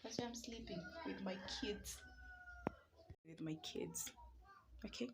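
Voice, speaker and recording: A woman with a Kenyan accent records an emotional personal vlog in a small single room, pleading and sometimes dropping to a whisper. Her mid-range voice is slow and creaky, with background noise.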